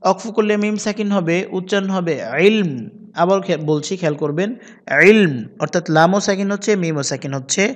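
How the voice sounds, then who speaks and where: A man teaching a Quran reading lesson, spelling out each letter and vowel mark and then reciting the words slowly with long, drawn-out vowels. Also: high voice, long reverb tail. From Bangladesh.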